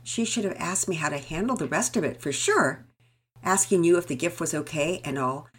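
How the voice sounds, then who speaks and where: A woman voicing a gentle, patient mother who speaks in a soft, polite, measured way. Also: low voice, animated, husky. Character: gentle, patient mother, calm under pressure.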